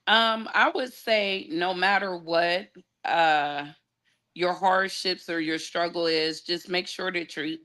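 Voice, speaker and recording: A woman's voice: lowish voice, pushed and bright. A woman speaking as a guest on a live-streamed talk show over a video call, earnest and encouraging. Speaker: guest mother. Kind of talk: casual chat.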